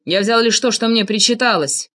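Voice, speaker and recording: A brutish, treacherous man sneers and growls his threats in a storybook scene. A woman reading the audiobook puts him on, pitching him a little lower than her narration. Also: moderate pace, bright, forceful tone. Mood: sneering threats.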